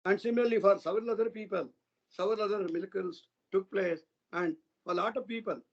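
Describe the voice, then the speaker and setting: High-voiced man telling devotional stories. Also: quick pace. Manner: earnest, loosely paced retelling of saint stories. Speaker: satsang speaker. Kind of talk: devotional storytelling discourse. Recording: dull lo-fi online satsang audio.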